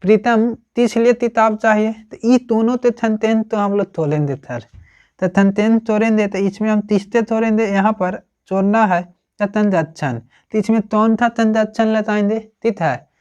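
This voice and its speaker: A teacher giving a grammar lesson, explaining slowly and checking in with the class after almost every phrase. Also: medium pitch, steady tone, a little mellow, clear, resonant tone, muffled recording. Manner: slow, repetitive, checks with "ठीक है ना?" often.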